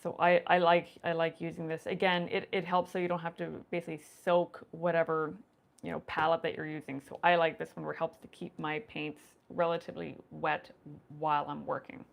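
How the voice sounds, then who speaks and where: A woman's voice: low-pitched, level tone, a little fast, gravelly. A woman hosting a casual live stream from her home studio, chatting and often laughing as she explains her painting work at her desk mic. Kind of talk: casual chat while painting.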